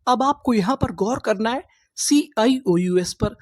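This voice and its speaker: A man teaching English reading as a lesson, asking his own questions, answering them and slowly repeating each word. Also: very high voice, a little mellow, no echo. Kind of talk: classroom-style spelling lesson.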